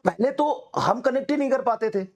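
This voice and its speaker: High-voiced man giving fiery pep talk. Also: animated, normal speed. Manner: fiery, exhorting, repetitive urging. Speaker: coaching teacher. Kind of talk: motivational speech to students.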